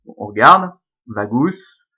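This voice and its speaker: Man, Belgian French accent, teacher, methodical step-by-step explaining, mid pitch, dull lo-fi sound. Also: expressive, takes it slowly. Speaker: Latin teacher. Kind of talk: screen-recorded lesson explaining Latin scansion. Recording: slightly dull lo-fi recording.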